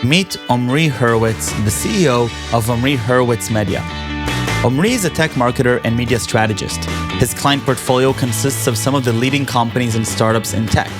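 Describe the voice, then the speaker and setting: A man's voice: mid-range voice, normal speed, over music. A man hosting a podcast, reading a scripted introduction and then asking his guest questions conversationally. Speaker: podcast host.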